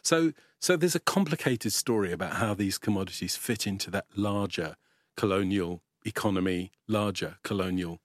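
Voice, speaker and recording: A man's voice: on the low side, normal speed, no echo, clean studio sound. An older man, speaking as an academic guest in a reflective conversational interview, thoughtful and often restarting his phrases. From England. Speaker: guest professor.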